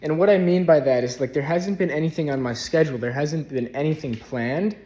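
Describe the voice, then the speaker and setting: A man's voice: a little high, a little fast. Laid-back young man rambling casually. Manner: relaxed, rambling, heavy use of "like". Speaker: spiritual vlogger. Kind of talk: casual spiritual vlog talk. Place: rented house.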